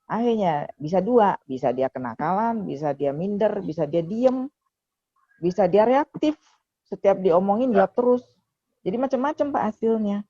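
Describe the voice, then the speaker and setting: A woman's voice: mid-range voice, animated, moderate pace, warm tone, dry recording. A woman lecturer giving firm, practical advice in a lecture and discussion. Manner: firm, advising, many "mm-mm" backchannels. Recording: dull dry lo-fi sound.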